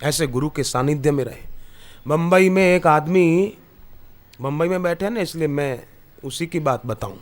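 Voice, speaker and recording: This man's voice is a little high and his pace moderate as he preaches a Hindi satsang discourse. Before an audience in a discourse hall, he recounts scripture stories, cites verses, and delivers them with rising emphasis.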